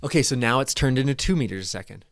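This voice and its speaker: A man in his thirties giving a casual, excited commentary over a replay of his own flight, at a desk microphone in a small room. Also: mid-range voice, fast, dry recording, studio quality. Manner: enthusiastic, casual, swears when excited. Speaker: paragliding vlogger. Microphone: desk microphone in front.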